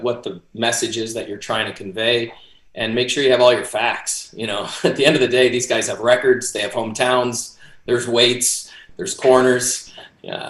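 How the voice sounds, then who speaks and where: In a small home office, a man in his forties, a boxing ring announcer, chats casually as an interview guest. His mid-range voice is a bit bright, picked up by a computer mic at desk distance on a video call that sounds roomy and echoey.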